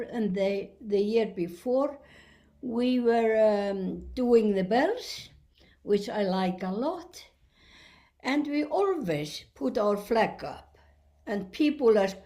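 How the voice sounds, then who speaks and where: A woman's voice: on the high side, mellow. A woman from Iceland, chair of a drama association, speaking cheerfully in an online webinar with fillers. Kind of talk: webinar presentation.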